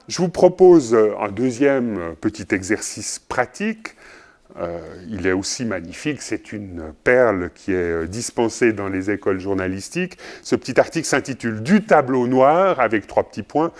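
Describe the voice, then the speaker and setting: A man teaching journalism in a recorded lecture, speaking in a measured way with frequent pauses and fillers. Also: medium pitch, a little mellow. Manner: measured, often pausing with fillers. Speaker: journalism trainer.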